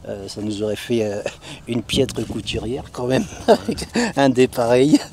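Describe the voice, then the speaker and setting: A man's voice: medium pitch, animated, measured pace, darkish tone. A man hosting a casual outdoor vlog, chatting to the camera and a companion in an enthusiastic, chatty way. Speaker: host of a metal-detecting vlog. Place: outdoors in an open field. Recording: noisy outdoor field recording.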